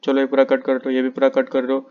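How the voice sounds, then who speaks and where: A man teaches physics, going through the syllabus with his students page by page. His voice stays flat and steady, and he repeats his instructions many times. The recording sounds slightly dull and lo-fi. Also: medium pitch, fairly quick. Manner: repetitive, instructive, page-by-page directions. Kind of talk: syllabus walkthrough lesson.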